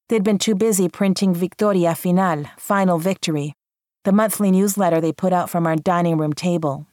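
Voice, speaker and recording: A woman narrating a first-person memoir audiobook in a measured, even storytelling manner. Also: lowish voice, no echo, studio quality.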